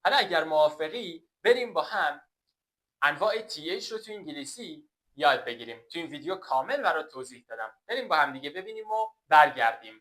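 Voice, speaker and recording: A woman with a Persian accent teaching English, drilling slow example sentences for the learner to repeat. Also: low-pitched, animated, a bit bright. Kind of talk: spoken language lesson.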